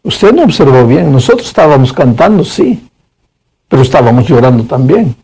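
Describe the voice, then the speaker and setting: A man acting out a young church girl who speaks softly and reassuringly. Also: mid-range voice, sing-song, normal speed, creaky, slightly rough, full character voice, poor audio. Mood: comforting.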